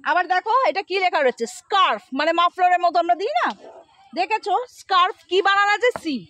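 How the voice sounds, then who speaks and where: A woman's voice: extremely high pitch, quick pace, pushed and bright, no echo. A woman teacher giving a spoken pronunciation lesson, repeating sounds and patiently quizzing her pupils for answers. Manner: patient, coaxing.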